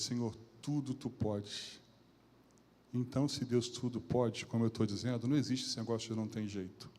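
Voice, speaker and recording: A man preaching a sermon, retelling Bible scenes in a casual modern way and swinging from quiet talk to loud peaks. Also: medium pitch. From Brazil. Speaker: pastor. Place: church sanctuary. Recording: long reverb of a church hall.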